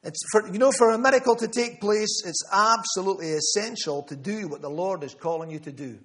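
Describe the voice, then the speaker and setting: A man's voice: high-pitched, a little fast. A man preaching a sermon to a room, emphatic, repeating key phrases and calling on listeners by name. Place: church gathering room.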